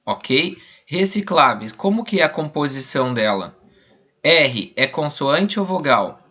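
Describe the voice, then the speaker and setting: A man's voice: a little high, sing-song, a little slow, pushed and bright. A young man with a Brazilian Portuguese accent, a primary school teacher walking pupils through a worksheet in an online class, patiently spelling out letters and syllables.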